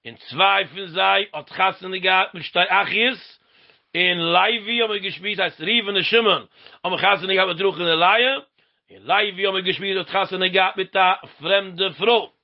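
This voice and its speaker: A man's voice: high voice, normal speed, vocal fry. A man, explaining a Talmud passage in a sing-song lecture. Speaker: Talmud teacher. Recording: lo-fi dull recording.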